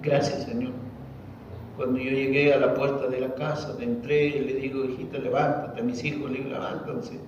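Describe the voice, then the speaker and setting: A man's voice: mid-range voice, flat delivery, a little fast, few pauses, background noise. A man, a pastor, giving an emotional testimony sermon and acting out the dialogue of his story. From Peru. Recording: echoey hall, distant mic, dull lo-fi.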